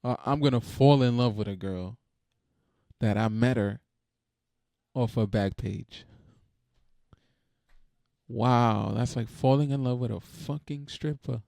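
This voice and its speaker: Gravelly-voiced man ranting casually. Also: medium pitch, slow, pauses often, warm tone, no room sound, clean studio sound. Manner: blunt, profane, exasperated. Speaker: reaction video host. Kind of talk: casual reaction rant.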